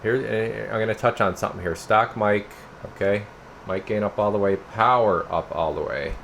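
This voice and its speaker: His voice is on the low side, gravelly and a bit bright, at normal speed, with a little hiss or hum present. He's a radio repairer and product reviewer giving a casual, rambling hands-on demo to viewers he calls "guys."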